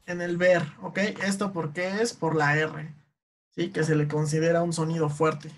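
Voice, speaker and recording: A Mexican woman teaching an online class, explaining poetry meter slowly and patiently, and often checking in with a quick "ok?" as she goes. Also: low-pitched, level tone.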